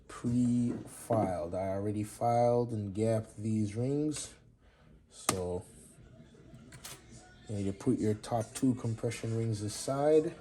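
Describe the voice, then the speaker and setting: A man's voice: fairly low pitch, poor audio. Laid-back Jamaican man explaining mechanics. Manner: relaxed, chatty, many fillers and restarts. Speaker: mechanic demonstrating engine assembly. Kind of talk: casual how-to tutorial. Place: home garage workshop.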